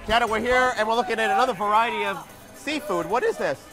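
A man's voice: sits high, fast. A middle-aged man with a lapel mic hosts a travel food show from a busy outdoor fish market, exclaiming often and laughing easily. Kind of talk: enthusiastic travel show presenting. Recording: loud crowd and music behind. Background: crowd chatter and background music.

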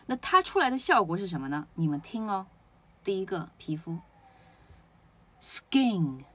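A woman gives a spoken pronunciation lesson, her pitch rising and falling with plenty of movement. Her voice carries a slightly husky grain as she explains each point and checks in with rhetorical questions. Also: big pitch swings, fairly quick, pushed and bright. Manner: explains step by step, asks rhetorical questions, drills words aloud. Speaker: English pronunciation teacher.

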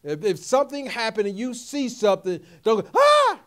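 High-voiced man preaching a sermon. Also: lively intonation, a little fast. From Philadelphia area. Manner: call-and-response preaching, repetitive and emphatic. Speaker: pastor.

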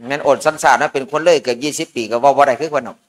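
A man's voice: medium pitch, steady tone, very fast. A man, a Buddhist monk with an Isan accent, giving an informal sermon at a merit-making ceremony in a folksy, joking storytelling manner.

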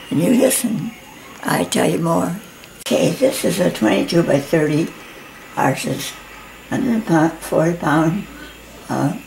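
An elderly woman in her eighties with slightly slurred speech from missing teeth, talking in an earnest, halting, plainspoken way as in a homemade personal video. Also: on the low side, creaky, a little mellow, echoey room, rough recording. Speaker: amateur watercolor painter and video maker. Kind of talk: personal testimony and casual painting demonstration. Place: living room at home, indoors. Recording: noticeable background noise, amateur home recording.

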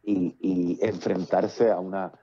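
A low, level, warm voice moves at a slow pace on a muffled recording with slight background noise. It belongs to a Puerto Rican man in his fifties, a playwright and actor appearing as a guest in a casual video-call interview. Speaking with a Puerto Rican Spanish accent through earphones with a built-in mic, he talks at length with many fillers and restarts.

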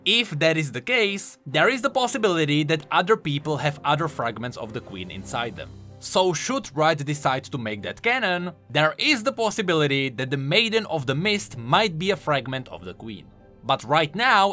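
A male YouTuber covering video game lore narrates an explainer at a moderate pace, his voice bright and rather high. Music plays underneath as he punches his points with the lively energy of an enthusiastic gaming commentator.

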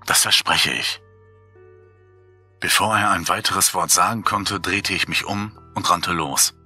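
Deep-voiced man narrating horror stories. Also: faint music behind. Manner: calm, measured, somber storytelling. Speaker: audiobook narrator. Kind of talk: scripted horror story narration.

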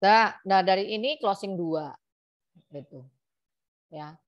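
A woman's voice: mid-range voice, slow, dry recording, muffled recording. A middle-aged woman, telling sales stories to colleagues in a casual way and acting out the dialogue. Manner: lively, acts out dialogue in quotes. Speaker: insurance agent sharing experience.

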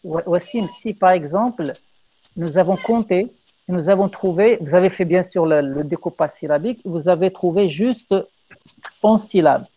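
Un homme, professeur, donne un cours de poésie française en visioconférence, patient et guidant ses élèves. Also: male voice, sits high, normal speed, warm tone. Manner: patient, guiding, repeats praise. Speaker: teacher. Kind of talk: online French poetry lesson.

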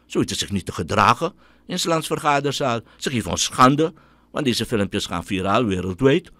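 A man's voice: medium pitch, expressive, moderate pace, sharp tone, dry recording. A middle-aged man with a Surinamese Dutch accent, giving an indignant, scornful opinion monologue as a radio commentator.

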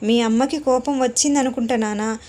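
A woman's voice: fairly high pitch, fairly even intonation, moderate pace, warm tone, lightly acted. A woman voicing an affectionate, playful young husband and father who teases his wife. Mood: fond scolding. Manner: playful, teasing.

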